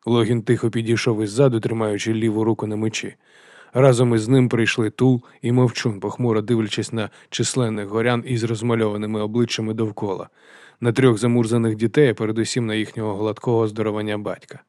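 A man reading a novel aloud as narrator, steady and even. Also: fairly low pitch, brisk, no room sound, clean studio sound. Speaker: audiobook narrator. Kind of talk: scripted narration.

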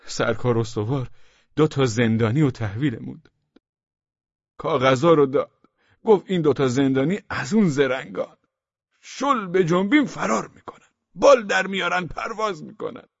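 A man's voice: medium pitch, animated, slightly rough, no echo, pitched above the performer's own voice. A man voicing a short, flustered gendarme who tells his story in a breathless, pleading way. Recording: dull lo-fi dry audiobook recording.

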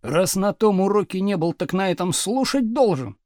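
Man playing a stern, booming geography teacher. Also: sing-song, normal speed, a little mellow, no room sound, clean studio sound. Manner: booming, pressing.

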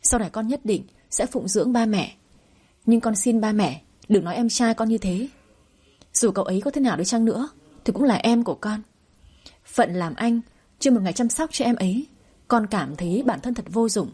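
A woman's voice: fairly high pitch, expressive, normal speed, mellow, husky. A woman storyteller voicing an earnest young adult son who pleads with his parents in a spoken audio story.

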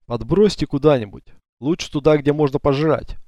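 A man's voice: on the high side, moderate pace, warm tone, no room sound, pitched above the performer's own voice, natural voice. A man reading an audiobook and voicing a tough, weary male gang leader who speaks in short, clipped commands. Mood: terse tired.

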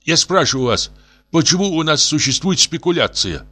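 A man voicing a drunk, distraught middle-aged professor who pleads in high, drawn-out wails. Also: big pitch swings, sharp tone, full character voice. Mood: earnest.

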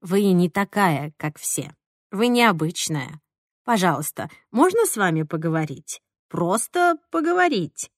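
A woman voicing an elderly, thin, bald foreign man who pleads timidly in halting English, in an audiobook. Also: low-pitched, steady tone, dry recording, clean studio sound, pitched below the performer's own voice. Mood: pleading.

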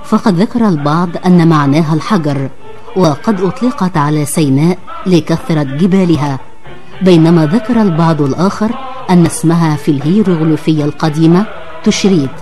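An Egyptian woman reading a scripted radio documentary as a formal, measured narrator. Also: sits low, mellow, faint music behind.

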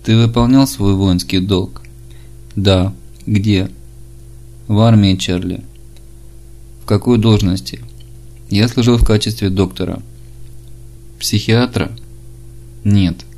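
Guy reading an audiobook, lowish voice, pretty monotone, steady and measured. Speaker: audiobook narrator.

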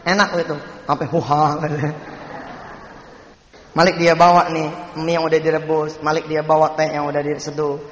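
A middle-aged man, preaching a sermon as a story told to the congregation in a lively, jokey way. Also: on the high side, normal speed, lo-fi sound, slight background noise. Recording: echoey hall with long reverb.

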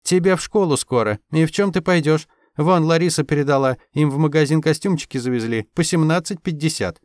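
A man reading a story aloud, voicing a stern mother who scolds her teenage son in a sharp, sarcastic way. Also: on the high side, a little fast, no room sound, studio quality, voice pushed up, natural voice. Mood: scolding.

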